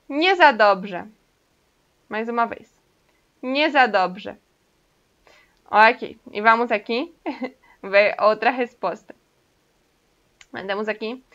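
Bright-voiced woman teaching a language. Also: a little high, takes it slowly, long pauses. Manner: patient, explains step by step, often checks in with "ok?". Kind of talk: casual online language lesson. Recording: dull lo-fi recording.

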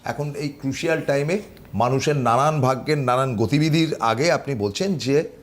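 A man's voice: medium pitch, moderate pace. A man hosting a TV call-in show, prompting the guest with questions. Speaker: TV show host.

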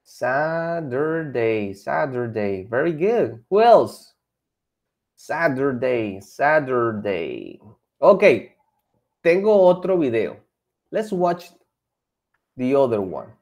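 Lively bilingual teacher. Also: male voice, fairly high pitch, slow, long pauses. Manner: lively, mixes Spanish and English, coaxing students. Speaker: English teacher. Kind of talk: online class for children.

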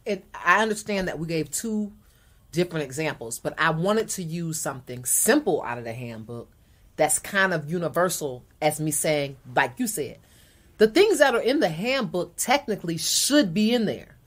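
A woman co-hosting a podcast who lays out her view in a measured, step-by-step way in casual chat. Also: on the low side, expressive. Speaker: podcast co-host.

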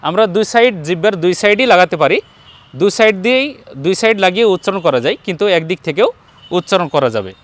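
A man's voice: high voice, lively intonation, no echo. A man teaching a Quran reading lesson, patiently guiding viewers and drawing out each letter sound for them to repeat. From Bangladesh. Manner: patient, addresses viewers directly, drawn-out letter sounds for repetition. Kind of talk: step-by-step pronunciation lesson.

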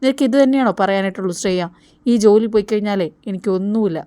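A woman's voice: medium pitch, fast talker, warm tone, clean tone, no room sound, close to an everyday voice. A woman voicing a young man who firmly warns a superior to leave his family alone. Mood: defiant. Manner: firm, warning.

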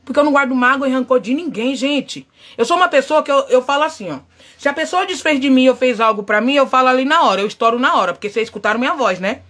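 A middle-aged Brazilian woman chatting loudly and outspokenly with her viewers, telling a story while she works. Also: high-pitched, lively intonation, quick pace. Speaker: vlogger. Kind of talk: casual chat while painting a wig.

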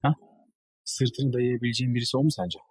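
An actor playing a serious man who speaks calmly and in measured tones about trust and love, in a TV drama. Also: medium pitch, slightly rough, dry recording, natural voice. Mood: grave. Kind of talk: TV drama acting.

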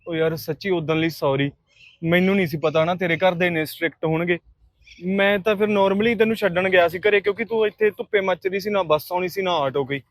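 A man plays a persistent young suitor who speaks in a slightly high, earnest voice with a Punjabi accent. He keeps apologizing and pleading. The sound is dry and close. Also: a little fast, dry recording, lightly acted. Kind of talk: short film acting.

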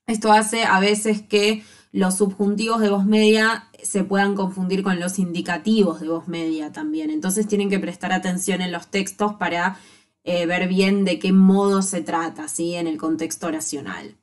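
A woman teacher giving a recorded lecture over slides, reading out forms slowly and carefully. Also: mid-range voice, fairly even intonation.

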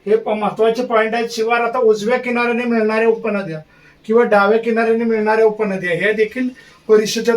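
A man's voice: sits high, recorded from a distance. A man teaching an exam-prep lesson, repeating key points and drilling memory tricks.

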